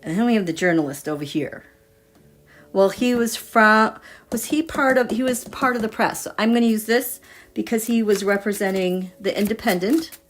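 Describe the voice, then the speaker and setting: A woman's voice: medium pitch, moderate pace. A woman reading tarot cards in a casual livestream, chatty and meandering as she thinks aloud. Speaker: tarot reader.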